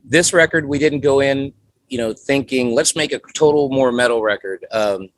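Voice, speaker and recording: In a relaxed interview, a man in his forties, a visiting musician, rambles along with plenty of "you know" fillers. His voice is mid-range and his pace moderate.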